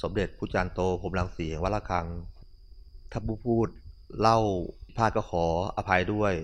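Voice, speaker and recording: A man, a Buddhist monk, giving a morning dharma talk as a relaxed, conversational story with casual asides. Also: lowish voice, normal speed.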